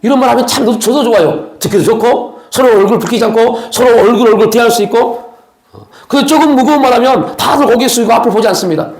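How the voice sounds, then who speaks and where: Male pastor, very high voice, preaching a sermon with rhetorical questions, echoey church room. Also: quick pace, darkish tone. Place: church sanctuary.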